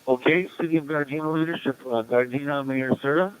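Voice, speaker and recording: Serving as net control on a community radio net, a man with a slightly high, smooth voice gives informal announcements and roll calls in a halting, procedural manner. The recording is low quality.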